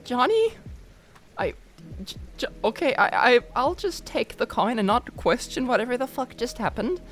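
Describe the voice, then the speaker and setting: A woman's voice: a little high, animated, normal speed. Flustered, swearing woman streamer. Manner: flustered, swears often, reacts loudly to chat. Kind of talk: casual livestream chat.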